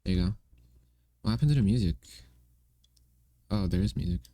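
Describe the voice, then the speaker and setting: A man's voice: low voice, normal speed, warm tone, dry recording, studio quality. A young man streaming, chatting casually and playfully to himself and his viewers while gaming and drawing. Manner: playful, rambling, talks to himself and chat.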